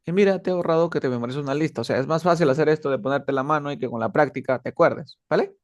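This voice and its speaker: A man's voice: a little high, racing, dry recording, dull audio. A man teaching an English lesson in a patient, casual way, often checking that he is understood.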